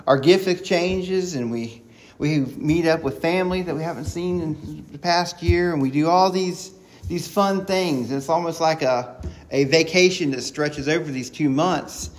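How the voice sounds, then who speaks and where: Excited man preaching with a higher voice. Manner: excited, talking fast with many restarts. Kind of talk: sermon.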